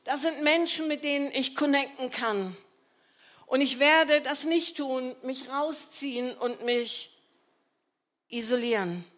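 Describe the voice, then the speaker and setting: A woman's voice: sits high, slow pace, fairly bright tone. A woman preaching a sermon in an earnest, emphatic, conversational way, with rhetorical asides to the congregation.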